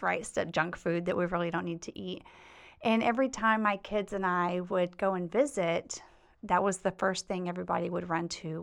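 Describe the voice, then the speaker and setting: A woman's voice: medium pitch, smooth. A woman hosting a podcast as a life coach, sharing heartfelt, faith-filled memories in a casual monologue.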